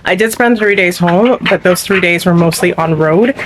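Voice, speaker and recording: A woman's voice: fairly low pitch, moderate pace, background noise. A woman chatting casually to her viewers as she vlogs from a cluttered bedroom at home, talking in a loose, rambling way into a handheld phone. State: a little out of breath at times. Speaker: vlogger. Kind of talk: casual vlog chat.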